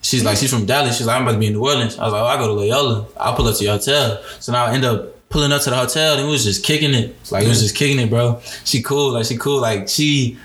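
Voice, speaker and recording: Speaking fast with few pauses, a twenty-year-old man guests on a podcast as a musician and designer. His mid-range voice is fairly bright, and he rambles casually with plenty of "like" in a relaxed interview chat recorded with roomy echo.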